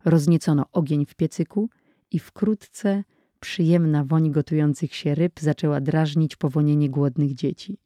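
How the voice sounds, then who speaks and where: A narrator reading an adventure story aloud in a measured, even audiobook style. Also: medium pitch, no echo, studio quality.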